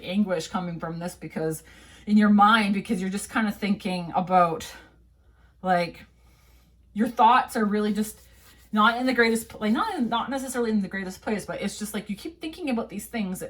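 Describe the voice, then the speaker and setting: A young woman reads tarot cards in a loose, casual way. She rambles through a lot of fillers and restarts, and her voice sits at an ordinary middle pitch for a woman. She drops in a swear word now and then and laughs easily between the cards. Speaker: tarot reader.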